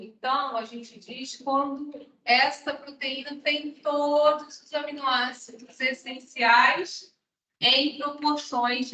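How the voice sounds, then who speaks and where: A woman's voice: high-pitched, sharp tone. A woman teaching a nutrition class, chatting with her students and often checking in with them as she goes. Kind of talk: classroom lecture with anecdotes. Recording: echoey room, distant mic, dull sound.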